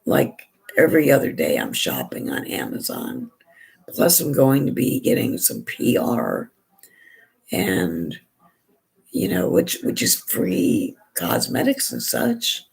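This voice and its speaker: Woman vlogger, hoarse and raspy, lively pitch swings, slow rambling chat. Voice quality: gravelly, raspy. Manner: chatty, rambling with many restarts and fillers. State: hoarse, losing her voice. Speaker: beauty vlogger. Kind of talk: casual chat while doing makeup.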